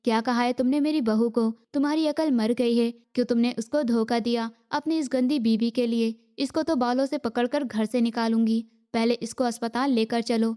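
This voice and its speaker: A woman's voice: fairly high pitch, steady tone, few pauses, dark tone, lightly acted. A woman reading the part of a harsh, scolding mother-in-law in an audiobook. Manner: scolding, angry.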